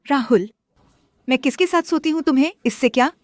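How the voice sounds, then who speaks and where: A woman's voice: high-pitched, brisk, dry recording, clean studio sound, lightly acted. An actress dubbing a proud young female CEO heiress, curt and commanding toward a poor suitor. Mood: cold. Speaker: female lead. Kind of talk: Hindi dubbed short drama. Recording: dubbed voice over loud music.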